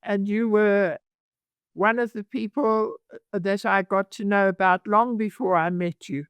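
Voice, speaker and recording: An older woman from South Africa with a South African accent, talking as a guest in a conversation, slow and halting with small restarts. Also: medium pitch, steady tone, clean tone, dry recording. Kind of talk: casual conversation.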